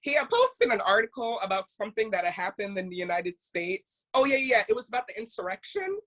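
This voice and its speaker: A woman co-hosting a casual podcast, with a voice a little higher than most. She tells her stories in a blunt, candid way and swears freely. Her talk is loose and unscripted. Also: sing-song, a little fast, a bit bright, rough recording. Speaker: podcast co-host.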